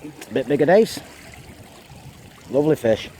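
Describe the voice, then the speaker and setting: Slowing down a little, the mellow English fishing vlogger chats casually to camera while wading at a windy riverbank, keeping a count of his fish. His pitch is medium, and wind and flowing water hiss faintly in the background.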